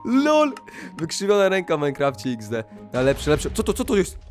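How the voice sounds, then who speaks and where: A young man hosting gameplay commentary, excitable and loud, laughing a lot and yelping at surprises. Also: a little high, brisk, over music. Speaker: gaming channel host.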